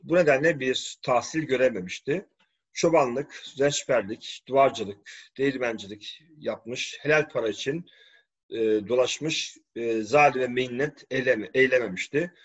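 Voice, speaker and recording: A man's voice: mid-range voice, unhurried, breathy edge. A man delivering a preachy, scornful religious-political commentary monologue. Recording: dull lo-fi recording.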